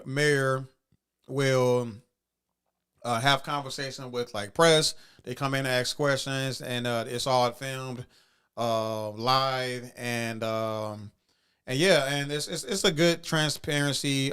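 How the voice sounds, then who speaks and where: A man's voice: mid-range voice, fairly bright tone, smooth. A man hosting a casual livestream podcast, rambling with many fillers and restarts. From Chicago. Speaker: podcast host.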